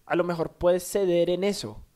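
On a casual podcast chat, this woman co-host offers dating advice, chatty and quick to laugh. She speaks at a normal speed in a lowish, dark, steady voice.

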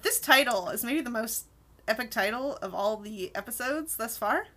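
A woman with a fairly high, bright and forceful voice co-hosts a podcast. She reviews a cartoon episode in casual chat. She sounds animated and enthusiastic, and she leads the conversation. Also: normal speed. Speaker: podcast co-host.

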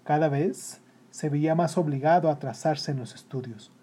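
A storyteller reading a children's story in a calm, steady way. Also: medium pitch, moderate pace, husky. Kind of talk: scripted narration of a children's story.

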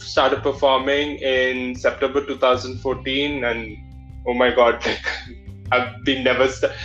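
A man speaks English with a clear Malayali accent, telling a personal story as an interview guest. His delivery is halting and conversational. The recording is dull and lo-fi, with music behind him. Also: mid-range voice, fairly bright tone. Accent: Malayali Indian English. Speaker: interview guest, drag performer.

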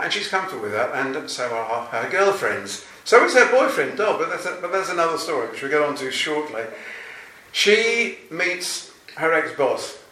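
An older novelist answers interview questions in a chatty, anecdotal, self-deprecating manner. His mid-range voice sounds pushed and bright, picked up from far off-mic in a roomy recording.

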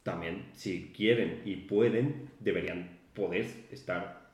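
A man's voice: deep voice, takes it slowly. Joking man, echoey room. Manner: joking, animated storytelling with put-on quoted voices. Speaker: podcast co-host. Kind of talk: casual chat. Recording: roomy echo.

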